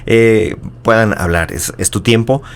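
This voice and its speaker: A man's voice: on the low side, measured pace, creaky, clear, resonant tone. A middle-aged man, hosting a casual interview, joking and asking long, rambling questions. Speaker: podcast host.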